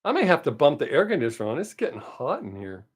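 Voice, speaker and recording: A man's voice: a little high, huge pitch swings, fast talker, breathy edge. Upbeat almost-sixty man chatting live. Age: 50s. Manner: upbeat, chatty, answers viewers by name. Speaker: livestream host. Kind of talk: casual chat with live viewers.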